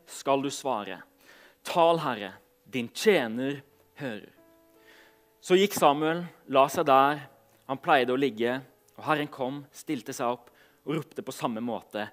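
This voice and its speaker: A mid-range male voice reads scripture aloud during a sermon before moving into loose, casual talk marked by some hesitation. He tends to let the ends of his phrases soften and drift off.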